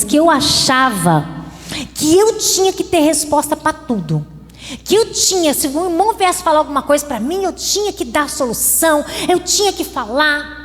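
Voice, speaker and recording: A woman pastor with a Brazilian Portuguese accent, preaching a sermon with bursts of emphasis and playful asides. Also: high-pitched. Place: church. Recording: long reverb of a church hall.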